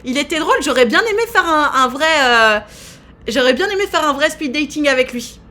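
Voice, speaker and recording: A woman's voice: high-pitched, animated, fairly quick, pushed and bright. A woman in her thirties hosting a live stream, chatting casually in a teasing way with lots of fillers. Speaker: streamer host.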